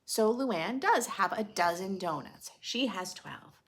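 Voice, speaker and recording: In a mid-range, animated voice and at a slow pace, a woman leads a preschool read-aloud. She brings a picture book to life expressively and mixes in simple, dramatic questions and explanations for teaching.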